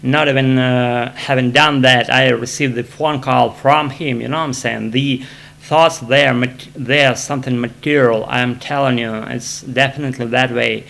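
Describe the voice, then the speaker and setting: A man with a Russian accent, a native Russian speaker, talking casually to camera from his armchair at home while in back pain, halting often with fillers and restarts. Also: mid-range voice, steady tone, vocal fry, a bit bright. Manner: hesitant, many fillers and restarts. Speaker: vlogger practicing English. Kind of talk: casual self-recorded monologue.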